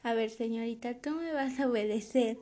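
A woman's voice: fairly high pitch, moderate pace, dark tone, natural voice. Young woman doing her stern scolding mother. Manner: bossy, scolding.

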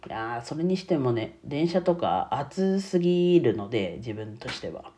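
A man's voice: mid-range voice, very animated, a little slow, dark tone, slight background noise. A man with a nasal voice, congested from a cold, chatting casually to his listeners as a solo streamer. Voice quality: nasal, stuffy-nosed. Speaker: bookkeeping YouTuber and streamer.

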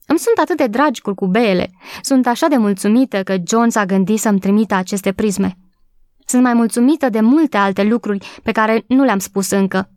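A woman's voice: on the high side, darkish tone, no echo, studio quality, close to an everyday voice. A woman voicing a sweet, grateful little girl. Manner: grateful, affectionate, eager. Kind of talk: audiobook character voice.

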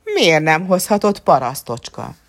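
A haughty, greedy lord from a storybook folk tale, voiced by a woman. His low voice coaxes and flatters in lively swoops, all greed under the politeness. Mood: wheedling. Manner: wheedling and greedy. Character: greedy, proud male lord, fawning then furious.

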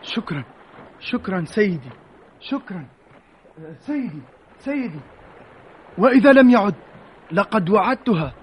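An actor in an old Arabic radio drama playing an earnest, anxious, deferential soldier, speaking formally. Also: male voice, high-pitched, lively intonation, a little slow, pauses often, highs cut off, slight background noise. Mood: anxious, grateful. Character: earnest, anxious, respectful young male soldier.

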